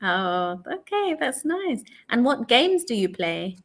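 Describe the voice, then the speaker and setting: This English tutor, a woman from England in her forties, talks slowly in a fairly high, sing-song voice. Online with a young learner, she chats patiently in a conversation lesson and echoes the answers back.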